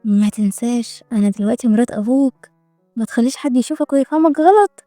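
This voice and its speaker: A woman's voice: a little high, fast, mellow, no echo, faint music behind, natural voice. Woman playing a sassy Egyptian heroine. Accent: Egyptian Arabic. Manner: teasing, defiant. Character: defiant sassy young woman.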